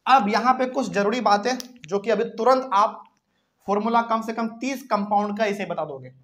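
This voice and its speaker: A man's voice: high-pitched, normal speed, a bit bright. A man teaching a chemistry lesson at a whiteboard in Hindi with a Bihari accent, asking the class questions as he explains step by step.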